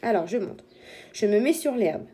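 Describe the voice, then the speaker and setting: A woman teacher walks small children through forming their letters, one stroke at a time. Her voice is mellow and soft, never sharp, and she keeps her phrasing patient and simple. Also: mid-range voice, expressive, breathy edge. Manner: slow, step-by-step explaining with simple imagery. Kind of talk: handwriting lesson for young children.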